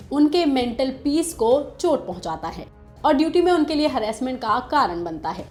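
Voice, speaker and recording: A woman anchor reading a scripted news report in Hindi style, brisk, opening with dramatic rhetorical questions. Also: a little high. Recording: music bed behind voice.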